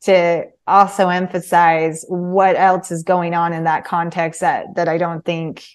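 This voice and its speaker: A woman interviewer giving reflective, earnest commentary in short, deliberate phrases. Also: on the low side, little pitch movement, clear, resonant tone.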